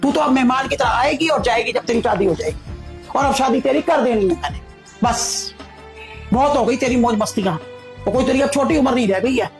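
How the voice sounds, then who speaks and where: A woman's voice: a little high, brisk, soft background music, natural voice. A woman playing a stern middle-aged mother who lectures her daughter with emphatic repetition. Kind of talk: family drama acting.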